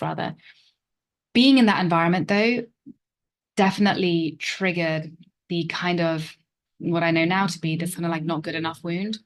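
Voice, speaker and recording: A woman in her thirties, a relationship coach, telling her life story in a reflective way full of fillers. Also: low-pitched. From England. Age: 30s. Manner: reflective, hedging with many fillers. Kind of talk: personal story monologue.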